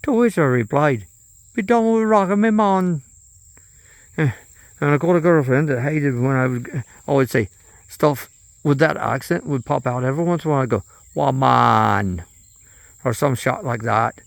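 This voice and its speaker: A man's voice: mid-range voice, fairly quick, dry recording. A man delivering a rambling, profane political monologue, often trailing off and restarting.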